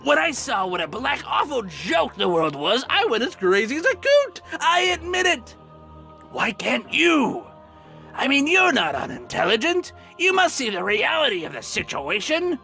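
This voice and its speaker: A man playing a gleefully mad, bitter villain in a theatrical dramatic monologue, taunting with a gravelly, sharp-edged voice. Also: extremely high pitch, big pitch swings, normal speed, exaggerated voice. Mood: manic, ranting. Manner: theatrical, swooping from hushed menace to manic shrieks. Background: music.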